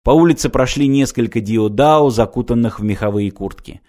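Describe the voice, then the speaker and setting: A man reading a science fiction audiobook in a steady, measured narration. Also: medium pitch. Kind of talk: scripted narration.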